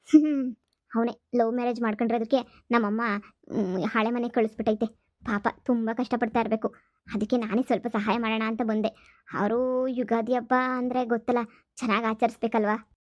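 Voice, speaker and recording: A woman voicing a kind-hearted young woman who talks in a hushed, scolding, urgent way in a cartoon comedy. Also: a little high, steady tone, brisk, dry recording, muffled recording, close to an everyday voice. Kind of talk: cartoon voice acting.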